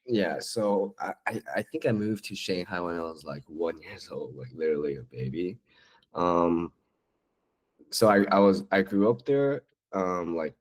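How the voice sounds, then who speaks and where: A very low-pitched young man from Taiwan talks softly and hesitantly, full of pauses and fillers. He chats casually as a podcast guest. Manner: soft-spoken, hesitant, many fillers. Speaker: podcast guest, designer and 3D artist. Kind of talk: casual interview chat.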